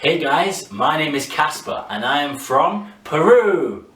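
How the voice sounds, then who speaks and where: A man's voice: a little high, very animated, takes it slowly, a bit bright. Playful man. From London, England. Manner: upbeat, playful, with filler ums. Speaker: children's workshop co-host. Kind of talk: friendly introduction to young children. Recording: echoey room, mic at a distance.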